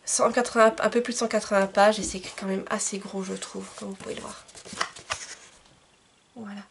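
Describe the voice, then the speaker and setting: A woman's voice: mid-range voice, steady tone, normal speed, creaky, heavy background noise. A woman book vlogger chatting casually to camera about book recommendations, with many fillers and restarts. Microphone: camcorder.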